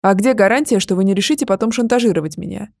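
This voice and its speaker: A woman's voice: mid-range voice, fast, gravelly, darkish tone, no room sound, clean studio sound. A woman voicing a cold, haughty male dragon duke in an audiobook, speaking in curt, commanding phrases. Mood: cool.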